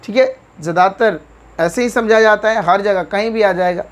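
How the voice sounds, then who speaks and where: A woman's voice: mid-range voice, moderate pace. Indian woman spelling out English words. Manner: spells words out letter by letter, often says "theek hai". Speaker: English teacher. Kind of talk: online vocabulary lesson.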